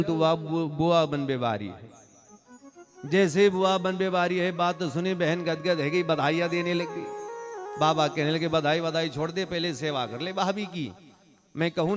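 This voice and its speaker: A man from Maharashtra, a Marathi native speaker, telling a devotional story as a sermon and acting out village characters in dialect voices. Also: on the high side. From Maharashtra, India. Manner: urges the audience to call out loudly. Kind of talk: Bhagavat katha sermon storytelling.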